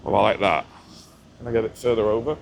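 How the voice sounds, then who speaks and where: A man's voice: lowish voice, quick pace, creaky, a little hiss or hum. A man vlogging outdoors beside a canal lock, chatting loosely and laughing at himself as he walks and films on a handheld camera. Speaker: ship-watching vlogger. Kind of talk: casual on-location commentary.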